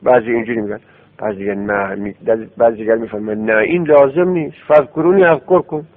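Man teaching grammar over tinny radio. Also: mid-range voice. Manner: repeats words in drills, explains step by step. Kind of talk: classroom grammar lesson. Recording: tinny phone-like radio recording.

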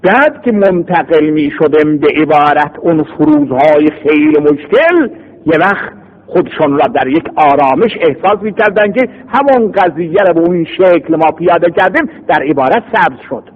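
A male teacher of religious law giving an animated classroom lecture, reading a text aloud and explaining it by acting out scenes. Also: fairly high pitch. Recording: dull lo-fi recording.

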